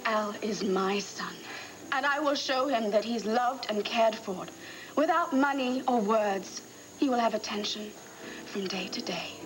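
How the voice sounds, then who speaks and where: A woman's voice: on the high side, unhurried, soft background music, natural voice, low-quality recording. An actress playing a wounded, proud, defiant woman in a television soap opera, speaking with bitter, dramatic emphasis.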